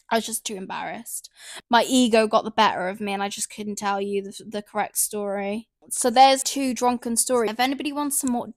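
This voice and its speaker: A woman's voice: fairly high pitch, dry recording. A young woman hosting a podcast, talking casually at home, ranting animatedly and swearing freely as she overshares. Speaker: podcast host.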